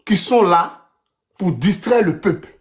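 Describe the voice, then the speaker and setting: A man's voice: sits high, lively intonation, measured pace. A man, lecturing and repeating himself insistently in a heated online argument. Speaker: TikTok debater. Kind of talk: heated live-stream argument.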